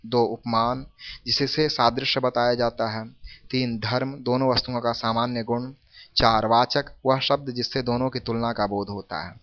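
A man reading a formal literature lesson aloud in a measured, careful way, slowing down to recite verse examples. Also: mid-range voice, a bit bright. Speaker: reader of a literature textbook. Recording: dull lo-fi recording.

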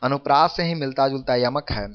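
A man reads a formal literature lesson in a steady, measured voice at a middle pitch. He slows down noticeably whenever he recites a verse example. The recording sounds dull and lo-fi. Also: smooth. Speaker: reader of a literature textbook.

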